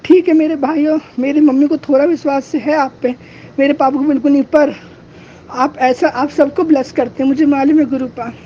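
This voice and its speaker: Young man, very high mellow voice, tearful, begging prayer, lo-fi outdoor night recording. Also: steady tone, normal speed, a little hiss or hum. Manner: begging, repetitive, emotional. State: tearful, near crying. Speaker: devotee. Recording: dull lo-fi with faint ambience.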